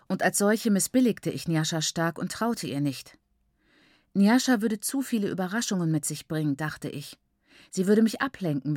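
A woman narrates a literary novel in the first person, her voice on the low side. Her reading is measured and reflective. The recording is close and completely dry. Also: a little mellow, no echo. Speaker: audiobook narrator.

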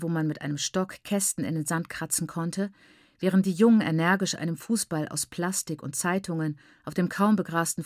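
Brief: woman narrator, lowish voice, expressive audiobook reading, dry studio. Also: no room sound. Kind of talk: scripted first-person narration.

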